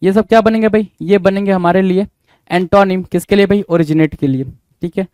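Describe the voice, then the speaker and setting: Man, vocabulary teacher, high voice, dry close sound, repeats quiz questions. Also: fairly even intonation, a little fast, darkish tone, clear, resonant tone, dry recording. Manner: repetitive quizzing asides. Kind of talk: exam vocabulary lesson.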